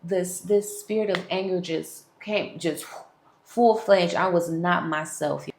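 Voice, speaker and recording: Her lowish voice is creaky and a little mellow, and she takes a slow pace. A young vlogger frankly tells viewers her personal testimony to camera, in an echoey room.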